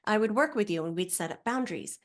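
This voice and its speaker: A woman, a psychic medium guest, talking casually on a podcast and acting out quoted voices with lively swings. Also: medium pitch, fast talker. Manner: animated, acts out quoted voices.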